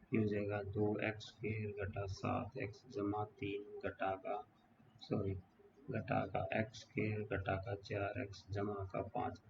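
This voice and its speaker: A man's voice: lowish voice, gravelly. A male math teacher explaining equations step by step in a casual classroom style, often checking in with his students. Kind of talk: whiteboard math lesson. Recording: dull lo-fi sound with faint background noise.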